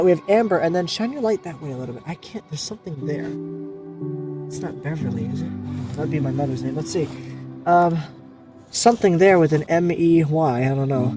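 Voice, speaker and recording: A man chatting casually in a vlog, excited and choked up, stammering and repeating himself. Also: fairly high pitch. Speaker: vlogger.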